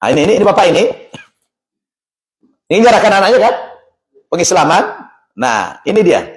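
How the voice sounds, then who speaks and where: High-voiced man telling a mosque story. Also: a little fast. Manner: animated storyteller, acts out dialogue. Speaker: religious teacher. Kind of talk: storytelling religious talk.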